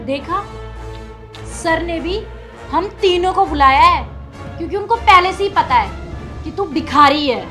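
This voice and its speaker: An actress playing a rude, bossy job candidate who insults people. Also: female voice, very high-pitched, expressive, unhurried, long pauses, music in the background.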